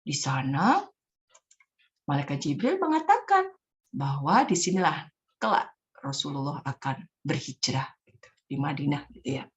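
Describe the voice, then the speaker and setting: A woman running a storytelling workshop in a fairly low voice, animated and expressive. She often shifts into playful character voices as she teaches. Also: normal speed, pauses often. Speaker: storytelling trainer.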